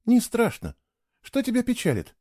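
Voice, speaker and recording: A man's voice: extremely high pitch, huge pitch swings, normal speed, warm tone, no room sound, studio quality, voice pushed up, full character voice. A man voicing a stubborn, spirited young woman who argues insistently in a raised voice, in an audiobook. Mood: curious.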